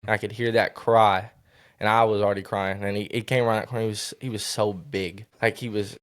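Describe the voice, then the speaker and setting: Young male podcast guest, low-pitched, earnest, halting delivery with many restarts. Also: level tone. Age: young adult. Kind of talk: emotional personal story in a podcast interview.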